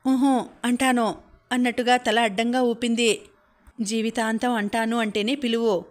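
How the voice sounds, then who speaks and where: Woman reading a story in an even voice. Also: a little high, normal speed. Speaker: audiobook narrator. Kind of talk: scripted story narration.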